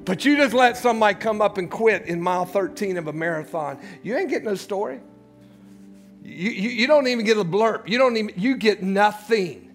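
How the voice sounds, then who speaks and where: Preaching with dramatic contrast, a man in the pulpit moves from hushed, low stretches to booming shouts, using repeated words to build intensity.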